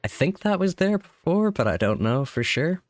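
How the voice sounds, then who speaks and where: A man speaking into a desk mic rambles casually with little laughs during a gaming live stream, sounding sick, worn out, and a bit hoarse. His voice is slightly high with big pitch swings at a normal speed, with no echo.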